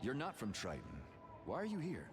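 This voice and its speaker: Gruff major, video game character, sardonic, curt, expressive pitch swings, loud music behind. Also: male voice, fairly quick. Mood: probing, sardonic. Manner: sarcastic, curt. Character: gruff sardonic military major, adult man.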